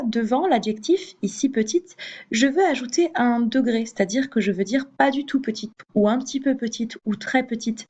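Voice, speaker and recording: Fairly high woman's voice, patient teacher, recorded lesson, hesitant fillers, repeats examples. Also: a little mellow, dull audio. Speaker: English teacher.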